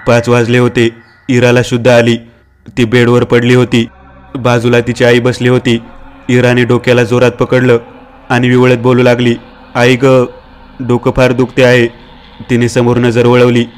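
A man narrating a horror story in a steady, even-toned scripted reading. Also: medium pitch, moderate pace, smooth, faint music behind.

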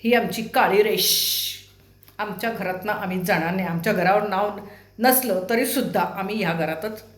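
A woman's voice: medium pitch, a bit bright. A woman in her sixties with a Marathi accent, a host telling home stories to viewers in a chatty, humorous way full of rhetorical questions. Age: 60s. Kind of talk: casual talk to viewers. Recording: echoey room.

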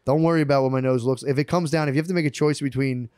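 A man's voice: medium pitch, fairly even intonation, rapid-fire, a little mellow, dry recording, clean studio sound. A man in his thirties co-hosting a podcast, telling loose, profane stories in casual comedic banter. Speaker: podcast co-host.

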